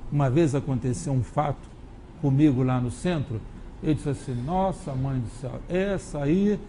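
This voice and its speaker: A man with a Brazilian Portuguese accent giving a spiritist lecture, conversational, moving between low musing and lively quoted voices. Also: normal speed, a little hiss or hum. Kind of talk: lecture with anecdotes. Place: lecture hall.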